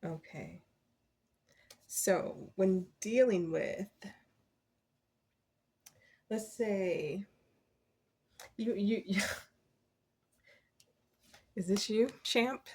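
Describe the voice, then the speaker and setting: A woman giving a casual, encouraging tarot reading from her desk, chatty and quick to laugh. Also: mid-range voice, a little mellow, slightly rough. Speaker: tarot reader.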